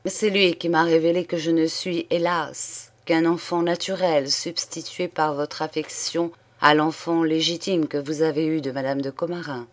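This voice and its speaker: A woman reading the part of a dignified young viscount, who speaks clearly and in measured terms. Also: low-pitched, fairly even intonation, close to an everyday voice. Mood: composed. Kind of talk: audiobook character reading.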